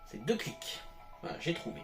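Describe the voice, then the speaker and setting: A man's voice: moderate pace, echoey room, over loud music. A man giving a casual product demo at home as a tech reviewer, talking with many hesitations and fillers.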